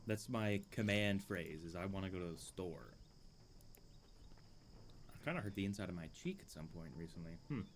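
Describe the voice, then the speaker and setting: A man's voice: low voice, expressive, moderate pace, long pauses, slight background noise. A man casually commenting on his gameplay, musing and dryly amused, talking to himself at a desk microphone he sometimes leans away from. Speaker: streamer playing a game. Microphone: desk microphone, leans away at times.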